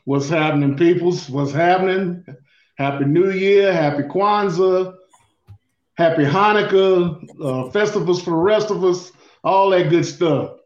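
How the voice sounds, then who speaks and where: A man's voice: sits high, measured pace. A man co-hosting a talk show with casual, chatty banter. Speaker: co-host. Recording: roomy, dull lo-fi sound.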